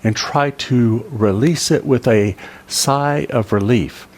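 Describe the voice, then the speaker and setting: A man leading a guided tai chi and qigong body scan, speaking in a calm, soothing way with long pauses. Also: medium pitch.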